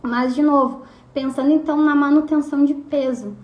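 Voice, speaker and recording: A woman's voice: sits high, fairly even intonation, moderate pace, a little mellow, roomy sound. A young adult woman nutritionist, explaining casually with frequent tag questions and fillers.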